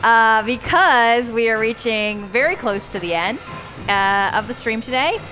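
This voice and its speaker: A woman's voice: on the high side, measured pace, pushed and bright, soft background music. A woman acting as game master on a live tabletop stream, narrating with many hesitant ums and turning upbeat as she thanks the audience. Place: community media studio table.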